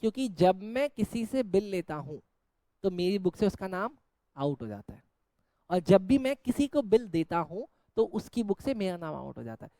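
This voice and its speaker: A man's voice: high voice, sing-song, moderate pace, dark tone, no room sound. A man teaching an accounts class, jokingly scolding and teasing his students while he explains. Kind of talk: Hindi-English accounts lecture.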